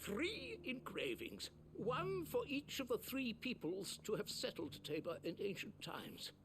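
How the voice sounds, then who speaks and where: An actor playing a fussy, curious old male scholar in a video game, speaking with an eager, breathy voice. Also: extremely high pitch, huge pitch swings, unhurried, music in the background, full character voice. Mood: scholarly, eager. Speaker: game character. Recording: game audio with background noise.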